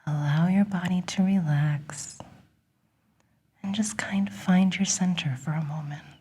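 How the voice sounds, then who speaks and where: Her lowish, mellow voice stays in a very breathy whisper as she guides the listener through relaxation. Slow and gentle, the ASMR-style delivery is both soothing and encouraging.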